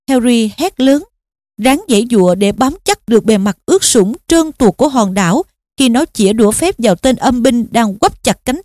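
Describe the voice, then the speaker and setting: A woman reading an audiobook aloud in a steady, expressive storytelling manner. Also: a little high, dry recording, studio quality. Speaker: audiobook narrator.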